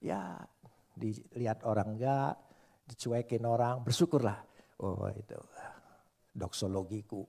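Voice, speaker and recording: A gravelly, husky older man delivering a sermon. He swings from quiet asides to loud, animated emphasis and teases his listeners playfully. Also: lowish voice, unhurried, long pauses. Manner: animated preaching with sudden loud rises and playful teasing of the congregation. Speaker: pastor.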